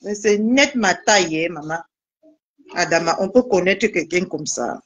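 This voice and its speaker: A woman's voice: fairly low pitch, lively intonation, measured pace. A woman vlogger, chatting casually and teasingly to her viewers. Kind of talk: casual live video chat.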